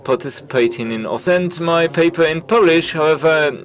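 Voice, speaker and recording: With a voice on the high side, a man interprets conference talks simultaneously, stumbling along with many fillers and restarts.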